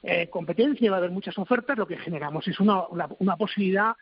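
A government official answering interview questions, a man who talks haltingly and searches for his words. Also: sits high, breathy edge. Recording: dull lo-fi recording.

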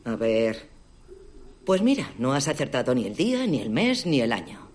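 Man as teasing ad spouse, lively sing-song delivery. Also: medium pitch, moderate pace, lightly acted.

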